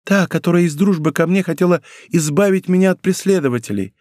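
A fragile young woman, high and pleading, her words tumbling out breathlessly, as a male reader raises his voice for her. The sound is close and dry, the way a studio audiobook is. She clings to the man she loves. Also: expressive, fast, a little mellow, dry recording. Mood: anxious. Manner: pleading, breathless emotional delivery. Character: young woman, frail, loving, dying of poison. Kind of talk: audiobook role reading.

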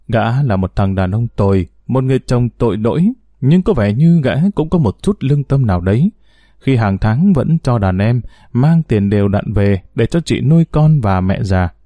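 Brief: male storyteller for a drama audio book, warm low timbre, dead-dry studio sound. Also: dry recording. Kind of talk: scripted narration.

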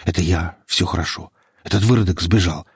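A man voicing a tender husband rescuing his wife, speaking gently and with urgency. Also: sits low, a little fast, husky, dry recording, clean studio sound, full character voice. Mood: soothing. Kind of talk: audiobook character voice.

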